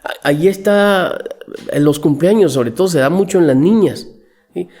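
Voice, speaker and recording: A man speaking as a business coach in a podcast interview, telling lively stories and acting out the people he quotes. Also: a little high, moderate pace. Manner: animated storyteller acting out quotes.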